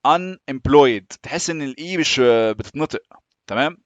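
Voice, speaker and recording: A man's voice: medium pitch, expressive, normal speed, fairly bright tone, dry recording. Patient Egyptian man teaching English. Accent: Egyptian Arabic. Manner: patient, often checks in with "تمام؟". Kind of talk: explaining English lessons in Arabic.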